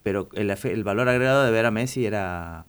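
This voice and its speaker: A man's voice: fairly low pitch, fairly quick, smooth. An Argentine man talking as a journalist guest on a radio show, hesitant, with many fillers and restarts. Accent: Argentine Spanish. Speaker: journalist guest back from covering the World Cup. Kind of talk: casual radio interview.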